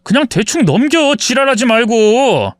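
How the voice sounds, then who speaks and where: A man's voice: very high voice, very animated, unhurried, dry recording, studio quality, full character voice. A man doing a sneering, cheating husband. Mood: scornful. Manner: contemptuous, mocking, self-justifying. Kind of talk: dramatized story reading.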